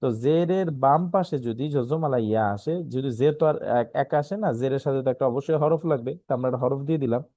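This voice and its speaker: A man with a Bangladeshi Bengali accent, teaching an online Quran reading class, spelling out letters slowly and often checking in with "right?". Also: mid-range voice, dark tone, no echo. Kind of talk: online lesson.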